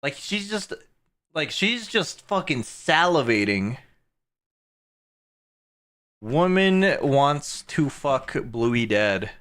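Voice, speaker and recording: A man's voice: fairly high pitch, sing-song, drawn-out words, long pauses, a bit bright, clean tone. A man streaming live, reacting to clips with crude jokes and frequent laughter. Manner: crude, joking, laughs often. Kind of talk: casual live-stream commentary.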